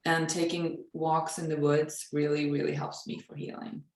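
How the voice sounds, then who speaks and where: A woman's voice: sits low, flat delivery, moderate pace, darkish tone, echoey room, low-quality recording. A woman from Sweden, a guest in a casual conversation, talking in an earnest, reflective way with light laughs.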